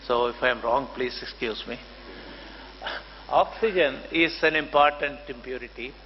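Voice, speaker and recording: An older man with an Indian accent gives a formal conference lecture as a professor, speaking courteously in a halting, deliberate way. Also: medium pitch. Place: large conference hall. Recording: dull, noisy hall microphone, long reverb.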